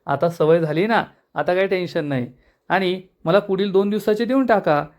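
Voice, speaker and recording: An old father-in-law jokes and pleads with his daughter-in-law about his drinking. A man reads him in a plain recap voice, pitched a bit high. The tone stays light and teasing. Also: moderate pace, darkish tone, natural voice. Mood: joking.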